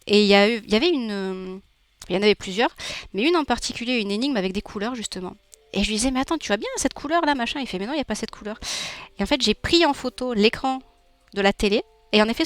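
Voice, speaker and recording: In a recording with no room sound, a young woman's voice on the high side carries a southern French accent from Nîmes. She's a streamer and illustrator chatting casually with viewers while drawing live, laughing often. Warm and talkative, she reads the chat out loud.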